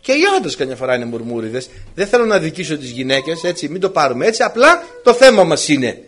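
A man preaching a sermon, with a husky voice and a playful, animated manner, acting out the characters. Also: a little high.

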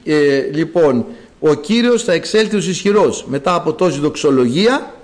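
Guy preaching a sermon, kinda high voice, really swoops around, talks right at the congregation. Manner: animated preaching that addresses the congregation directly.

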